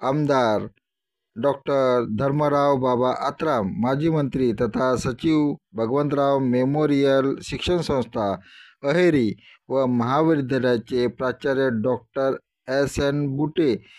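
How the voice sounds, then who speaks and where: A man's voice: mid-range voice, slow pace. Man reading a local news report. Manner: steady, formal read-out of names and dates. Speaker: news anchor. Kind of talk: scripted news narration.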